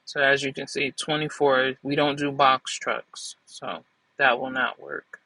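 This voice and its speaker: A woman's voice: a bass voice, fairly even intonation, measured pace, vocal fry, sharp tone, dry recording, poor audio. A woman hosting a trucking channel, chatting casually to viewers in a loose, rambling way and correcting herself as she goes. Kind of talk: casual vlog chat to viewers.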